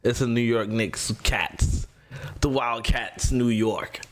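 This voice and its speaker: Slow-talking male podcast host. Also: medium pitch, fairly even intonation. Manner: repeats words in quick bursts. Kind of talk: casual sports podcast chat.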